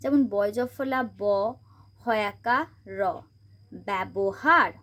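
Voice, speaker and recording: A woman hosting her own channel, teaching a spoken grammar lesson, explaining step by step and slowly repeating example words. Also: on the high side, expressive, darkish tone, slightly rough.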